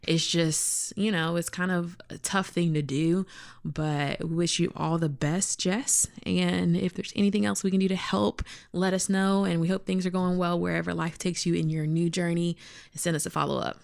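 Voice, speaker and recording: A woman's voice: fairly low pitch, steady tone, normal speed, gravelly, a little mellow. A woman co-hosting a podcast, giving advice in casual, chatty talk. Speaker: podcast co-host. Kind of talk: casual chat.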